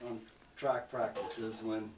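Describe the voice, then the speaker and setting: A man's voice: lowish voice, flat delivery, slow pace. Man recounting a track story over a crowd. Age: 40s. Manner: laughing, recounting. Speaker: former classmate at a reunion. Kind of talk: casual reunion storytelling. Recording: echoey room, far from the mic, loud crowd.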